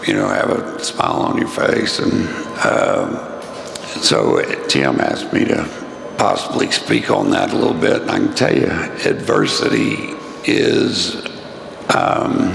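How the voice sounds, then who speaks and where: A man with a raspy, gravelly voice giving an informal motivational keynote in a halting, rambling, self-deprecating way. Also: low voice, huge pitch swings. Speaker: keynote speaker. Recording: echoey room with clear noise.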